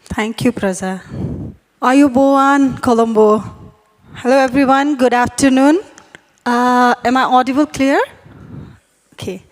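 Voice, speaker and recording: A woman's voice: high-pitched, measured pace, long pauses. A woman from Nepal giving a friendly, chatty conference talk in a hall, with frequent fillers. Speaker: conference speaker. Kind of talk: conference presentation.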